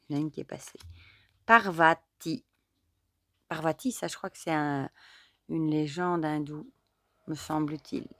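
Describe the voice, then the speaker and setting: A woman's voice: deep voice, no room sound. Chatty woman reviewing an oracle deck. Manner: chatty, enthusiastic, many fillers like euh and du coup. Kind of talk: casual card deck review with reading aloud.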